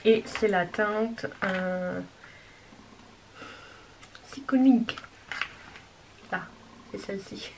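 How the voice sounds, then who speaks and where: A woman showing off a makeup haul in a casual, gushing way, sometimes dropping to a soft whisper. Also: mid-range voice, flat delivery, slow pace. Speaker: beauty vlogger. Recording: distant mic with clear background noise.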